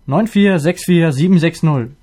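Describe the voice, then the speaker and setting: A man's voice: a little high, a little slow, warm tone. A young man promotes events as a volunteer. He reads scripted lines for a youth radio spot. He addresses his peers directly and informally.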